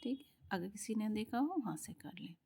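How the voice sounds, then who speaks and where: A woman teaching tajweed, patiently explaining letter sounds and drawing them out in slow practice drills. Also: medium pitch, animated, mellow, slightly rough. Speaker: Quran recitation teacher. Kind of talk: tajweed lesson.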